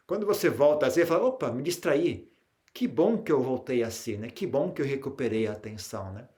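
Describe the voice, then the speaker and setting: Calm Brazilian monk giving a Dharma talk. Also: male voice, a little high. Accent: Brazilian Portuguese. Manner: calm, tag questions, frequent restarts; grows animated when telling anecdotes. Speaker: Buddhist monk teacher.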